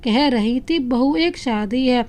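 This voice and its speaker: A woman voicing a tired but affectionate young wife who speaks gently and shyly, in a storybook reading. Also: high-pitched, slow pace. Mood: fond. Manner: gentle, shy.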